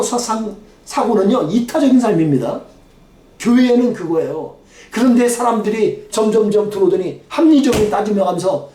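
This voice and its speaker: A man's voice: high voice, warm tone. A man preaching a sermon as pastor, pleading and emotional, addressing his congregation directly. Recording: echoey church hall, mic off at a distance.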